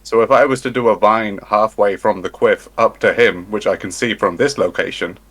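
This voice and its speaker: A man with a fairly low voice plays a tabletop game in casual chat. He talks through his plans in a rambling, hesitant way. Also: normal speed, a bit bright, husky, poor audio. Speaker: player.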